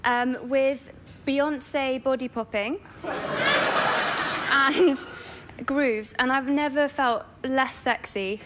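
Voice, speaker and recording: A woman's voice: high-pitched, very slow, long pauses, very noisy. A young woman guest on a talk show, telling self-mocking stories and giggling as she goes. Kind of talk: chatty anecdotes.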